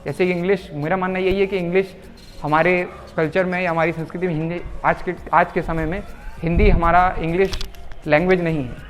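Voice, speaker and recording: A man teaching correct Hindi spelling, repeating words slowly and asking the viewers rhetorical questions. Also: high-pitched, level tone. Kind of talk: explaining spelling at a whiteboard.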